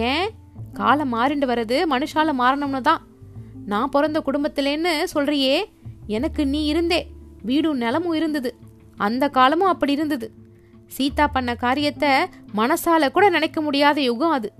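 A woman's voice: high voice, lightly acted. Woman voicing an impassioned old grandmother. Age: older. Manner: impassioned, pleading. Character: grieving elderly widowed grandmother, fierce and sorrowful.

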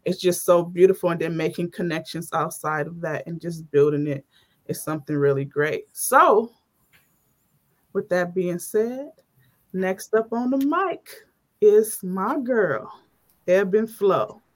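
A woman emceeing a poetry open mic, with a voice that sits low for a woman. She talks casually and effusively, full of praise for the people she brings up to the mic. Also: a little slow. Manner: warm, effusive, chatty.

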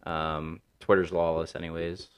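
A man's voice: deep voice, little pitch movement, moderate pace, clean tone. A man on a casual podcast, laid-back as he plugs his social media.

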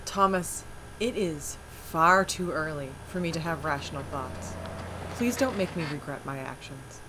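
A woman's voice: low-pitched, unhurried, background noise. An actress playing a dry-humored wife who is groggy before her coffee, in an audio drama. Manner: dry, deadpan.

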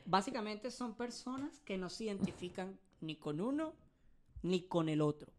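A woman chatting casually, blunt and excitable, with plenty of slang. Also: mid-range voice, normal speed, slight background noise. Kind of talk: casual chat.

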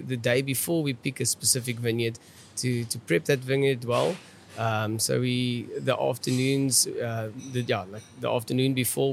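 A South African man with an Afrikaans accent speaks at a medium pitch with some vocal fry, over slight background noise. He's a viticulturist guest answering in a conversational way, frequently repeating words as he feels his way through his thoughts.

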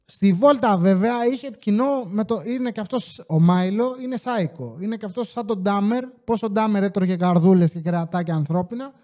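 A man with a fairly high voice and a soft, mellow tone tells casual comic stories as a podcast host. He rambles freely, swears often and breaks into joking rants. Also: few pauses.

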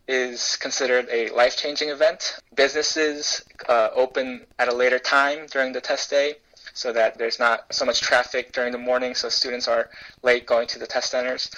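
Soft-spoken young male reporter, thoughtful. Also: medium pitch, highs cut off. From South Korea, raised in the US. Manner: thoughtful, frequent fillers and restarts. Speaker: journalist guest. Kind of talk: conversational interview answers.

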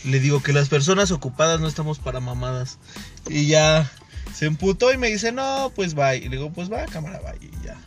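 A man's voice: a little high, animated, fairly quick, faint music behind. A man in his twenties with a Mexican accent, telling a crude, slangy story and acting out the dialogue in casual chat. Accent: Mexican Spanish. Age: 20s.

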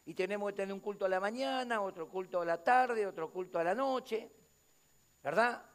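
High-voiced Rioplatense preacher. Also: male voice, moderate pace. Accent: Rioplatense Spanish. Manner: emphatic, addresses the congregation directly. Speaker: pastor. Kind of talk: sermon.

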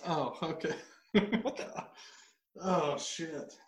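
A man playing a word-guessing game on a radio show, excitable and laughing often as he fumbles his clues. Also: fairly high pitch, very slow, reverberant. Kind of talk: casual joking banter.

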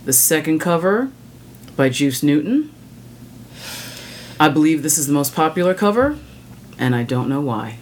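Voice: medium pitch, sing-song, moderate pace, pauses often, slight background noise. A music podcast host with a mid-range voice delivers prepared commentary. The manner is opinionated and wry, breaking into blunt, casual asides.

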